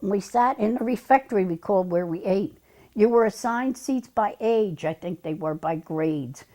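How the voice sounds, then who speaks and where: An older woman from Philadelphia describes her childhood routines in an interview. Her voice is mellow and warm, and she speaks in a plain, matter-of-fact way, full of small details. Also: medium pitch, moderate pace. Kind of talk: reminiscing interview.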